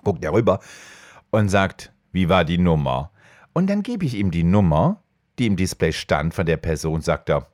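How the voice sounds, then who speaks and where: Middle-aged male podcast host, low voice with a lively pitch range, chatty storyteller, dry close recording. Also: normal speed, dry recording. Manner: animated, jumps high when quoting others. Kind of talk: casual storytelling chat. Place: home studio.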